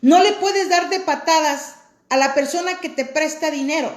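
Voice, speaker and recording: A woman delivers a fervent political monologue in a high voice. She hammers her points with repeated rhetorical questions and direct appeals to the listener. The recording carries a noticeable room echo. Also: normal speed.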